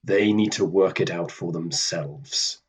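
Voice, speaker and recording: A man acting in a radio play as Death, a stern, weary immortal who speaks formally and coldly with a husky voice. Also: low voice, full character voice. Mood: detached, grave. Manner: deliberate, formal, cold, dismissive.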